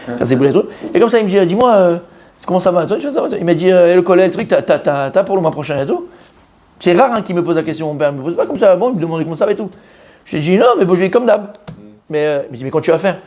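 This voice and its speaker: Fast-talking rabbi telling a story. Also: male voice, sits high. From Israel. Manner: animated storyteller who acts out quoted voices. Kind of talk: storytelling sermon.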